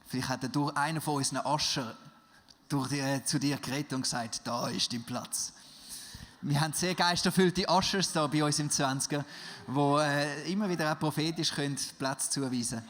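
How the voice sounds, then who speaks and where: A man with a Swiss German accent preaching a sermon, swinging from loud urging to soft, quiet passages. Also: a little high, moderate pace. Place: large church hall. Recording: long reverb of a big hall.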